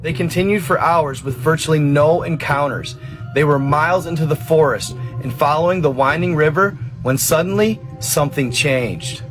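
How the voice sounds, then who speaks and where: A man's voice: a little high, normal speed, fairly bright tone. A man narrating eerie legends and strange encounters in a dramatic, suspenseful storytelling manner. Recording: faint music behind.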